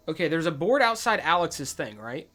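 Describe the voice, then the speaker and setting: Animated, bright-voiced man gaming. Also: fairly high pitch, moderate pace. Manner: self-congratulatory, mutters to himself, swears casually. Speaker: gaming video host. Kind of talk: casual game playthrough commentary, reading dialogue aloud. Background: soft music.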